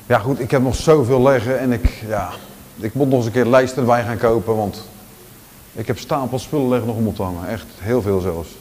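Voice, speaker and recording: A man in his forties with a Rotterdam Dutch accent, giving a relaxed walking tour of his large indoor gym, talking casually with lots of fillers and restarts. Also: mid-range voice, fairly quick, a little hiss or hum. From Netherlands. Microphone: handheld camera following him.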